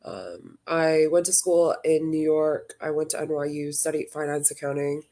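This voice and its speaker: A woman's voice: low voice, normal speed, mellow. A young woman from Hong Kong, a guest artist answering interview questions thoughtfully, with many ums and restarts.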